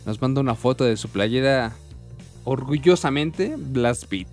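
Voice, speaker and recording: A man's voice: medium pitch, expressive, a little slow, a little mellow, faint music behind. A man with a Mexican accent co-hosting a live radio show, chatting casually and sending greetings to listeners. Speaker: radio co-host.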